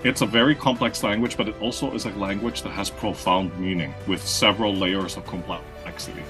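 Over background music, this guest, an Austrian-born marketing consultant raised in the Philippines, speaks briskly in a lowish voice with fairly even intonation. He answers interview questions conversationally, explaining at length, restarting often and repeatedly asking "right?"

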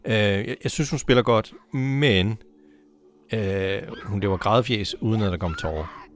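A man co-hosting a podcast, recapping a TV series in casual chat, relaxed and often chuckling at his own jokes. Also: on the low side, a little hiss or hum. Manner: relaxed, chuckling, joking asides. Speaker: podcast co-host.

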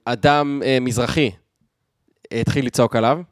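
A man's voice: mid-range voice, dry recording, clean studio sound. A man co-hosting a podcast in casual chat, telling stories with animation and acting out the people in them. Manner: animated storyteller who acts out the people in his stories. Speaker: podcast co-host.

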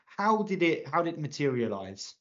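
A man's voice: on the high side, very animated, moderate pace, fairly bright tone. Podcast host guy, friendly, medium voice, bit muffled sound. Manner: friendly, laughs often. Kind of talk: podcast interview.

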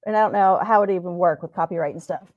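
A woman's voice: fairly low pitch, quick pace, darkish tone, dry recording, highs cut off. A woman co-hosting a podcast, chatting casually and laughing often as she rambles through her ideas. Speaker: podcast co-host. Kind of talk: casual chat.

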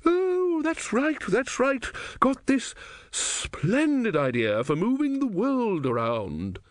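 A man voicing an absent-minded old male philosopher who talks in a vague, excitable way. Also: slow, dry recording, exaggerated voice. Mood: dotty. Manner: vague, excitable, high and wavering.

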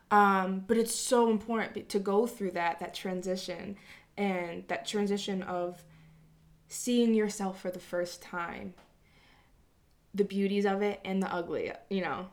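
A woman's voice: mid-range voice, fairly even intonation, unhurried. A woman talking to her viewers in a reflective personal monologue, earnest and rambling, with casual swearing. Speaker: vlogger.

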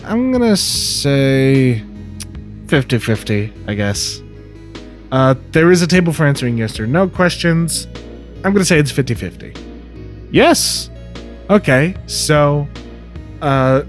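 A man narrating a solo tabletop game as game master, thinking aloud in a relaxed way. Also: mid-range voice.

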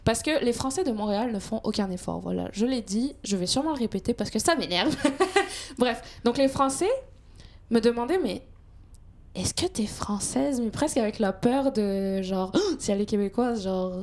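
A woman's voice: fairly high pitch, lively intonation, fairly quick, darkish tone, slight background noise. French woman with a light Quebec accent. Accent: French with a light Quebec touch. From France. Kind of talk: casual panel chat.

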